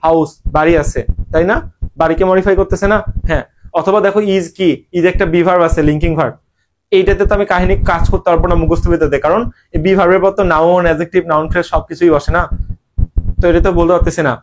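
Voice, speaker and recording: A man's voice: high-pitched, steady tone, quick pace, slight background noise. A young man with a Bangladeshi Bengali accent teaching English grammar in an online admission-prep lesson, drilling students with rhetorical questions.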